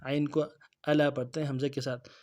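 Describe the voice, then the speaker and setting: A man with a Pakistani Urdu accent teaching tajweed. He recites the verses slowly word by word, then explains common mistakes in quick speech. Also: medium pitch, level tone, a little mellow. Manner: switches between drawn-out melodic recitation and brisk corrective explanation.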